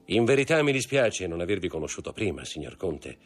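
A man voicing a scheming, greedy middle-aged banker who talks in a smooth, ingratiating way for an audiobook. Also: low-pitched, sing-song, a little fast, faint music behind. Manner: smooth, ingratiating, hushed when confiding. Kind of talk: audiobook character voice.

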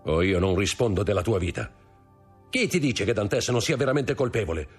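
A man's voice: on the low side, lively intonation, fairly quick, breathy edge, faint music behind, pitched above the performer's own voice. A man voicing a scheming, envious male ship's clerk in a raised voice, as in an audiobook. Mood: urgent. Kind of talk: audiobook character voice.

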